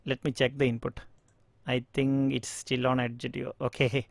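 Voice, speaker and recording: A man with an Indian English accent walking through audio interface settings in a tutorial, pausing often for mic checks and fillers. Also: mid-range voice, flat delivery, vocal fry, dry recording, clean studio sound. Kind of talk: screen-recorded software tutorial. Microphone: studio microphone.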